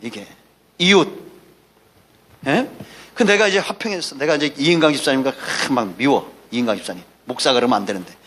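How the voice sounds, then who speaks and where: A man's voice: medium pitch, expressive, brisk, pauses often, a bit bright. A man preaching a Sunday sermon as pastor, emphatic and folksy, calling for responses from the congregation between anecdotes. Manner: folksy, mixes asides and anecdotes.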